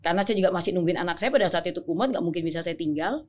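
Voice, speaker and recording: A woman's voice: on the low side, expressive. A woman guest earnestly recounting a hard personal story in an interview, with frequent fillers. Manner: fast, earnest, often pausing on fillers.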